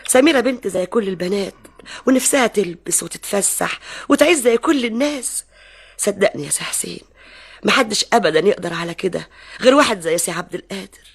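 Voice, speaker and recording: A woman's voice: mid-range voice, expressive, fast talker, breathy edge. An actress playing a scheming middle-aged mother who insists on a match for her daughter, with an Egyptian accent. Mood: persuasive. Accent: Egyptian Arabic. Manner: persuasive, insistent. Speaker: bride's mother. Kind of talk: classic film acting.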